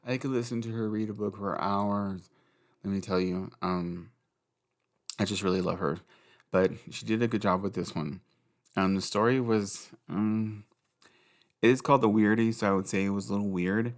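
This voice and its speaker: A man's voice: on the low side, fairly even intonation, normal speed. A young man hosting a casual solo podcast, rambling and giggly, swearing freely. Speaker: podcast host.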